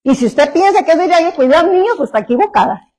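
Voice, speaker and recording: A woman's voice: extremely high pitch, animated, fast talker, dark tone, poor audio. A woman pastor preaching a sermon, emphatic, full of rhetorical questions to the congregation.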